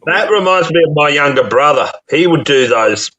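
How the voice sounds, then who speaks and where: Man, host, fairly high voice, rambling storyteller, muffled lo-fi sound. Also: lively intonation, normal speed, crowd noise. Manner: laughing, rambling storyteller with many restarts. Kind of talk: casual chat on a live show.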